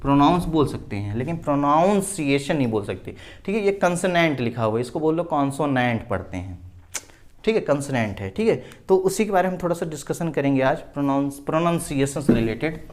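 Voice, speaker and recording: Indian male tutor, slightly high voice, patient and repetitive classroom delivery. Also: lively intonation, darkish tone. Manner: explains slowly, repeats words, keeps asking "ठीक है?". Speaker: English teacher. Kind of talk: classroom grammar lesson at a board.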